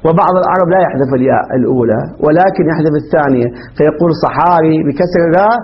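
Male grammar teacher, quick and fairly high, quizzes his class, dull lo-fi recording. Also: slight background noise. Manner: quizzing, poses questions and answers them himself. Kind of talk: classroom lecture.

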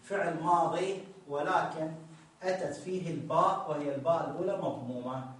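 A man's voice: on the high side, a little fast, fairly bright tone, far from the mic, slight background noise. Man teaching in an echoey room. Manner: patient, repetitive, reads a text line and explains it. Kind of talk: explaining Arabic morphology.

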